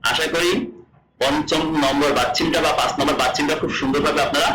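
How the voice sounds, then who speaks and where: A man with a Bangladeshi Bengali accent teaching online, repeating each example word slowly and asking himself questions. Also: on the high side, fairly even intonation, pushed and bright, far from the mic, faint music behind. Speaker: Korean language teacher. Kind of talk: explaining lesson to online students. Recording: echoey room, voice a bit off-mic.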